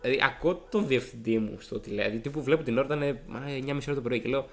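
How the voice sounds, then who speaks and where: A young man with a hoarse, gravelly voice, co-hosting a podcast and telling a rambling story with lots of restarts. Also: medium pitch. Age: young adult. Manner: animated, rambling, frequent restarts and acted-out quotes. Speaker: podcast co-host. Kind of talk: casual storytelling chat.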